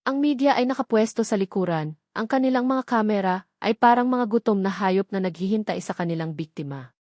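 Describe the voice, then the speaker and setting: Reading a dramatic story from a script, a female narrator sounds animated and a little mellow, speaking slightly fast at a mid-range pitch. There's no room sound at all; the audio is dry.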